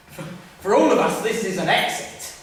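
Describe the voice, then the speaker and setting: Man acting taunting intruder, lively high voice, stage play, echoey hall, distant mic. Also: a little slow. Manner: mocking, laughs at the others. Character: taunting mocking male intruder, gleeful and cruel. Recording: echoey live theatre from far off, faint noise.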